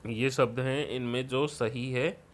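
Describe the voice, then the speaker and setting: Speaking slowly at a medium pitch, this man keeps his intonation fairly even. He is a patient teacher guiding children through a worksheet, frequently checking on the class, repeating himself and leaning on the filler "ठीक है".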